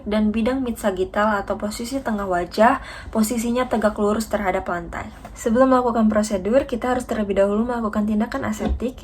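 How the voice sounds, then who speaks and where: Slight background noise accompanies a young adult woman's medium-pitched, darkish voice. She is a dental student demonstrating a radiography procedure, walking through each step formally, politely, and methodically.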